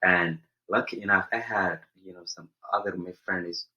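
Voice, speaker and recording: Low-voiced young man from Somaliland. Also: steady tone, normal speed, bright, forceful tone, lo-fi sound. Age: young adult. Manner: earnest, searching for words with frequent fillers. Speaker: guest, college senior. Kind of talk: casual interview answers.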